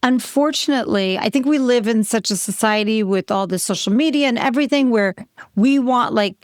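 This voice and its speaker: Chatty woman with a smooth voice. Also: a little high, a little fast, dry recording, studio quality. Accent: New Jersey. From New Jersey. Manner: chatty, storytelling, quotes herself. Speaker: podcast co-host. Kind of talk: casual chat.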